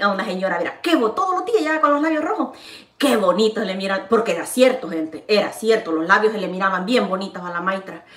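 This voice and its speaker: A Salvadoran woman vlogger, speaking Spanish with a Salvadoran accent, chats playfully with her viewers while cooking in her home kitchen in a casual vlog. Her medium-pitched, slightly bright voice sounds roomy and far from the mic.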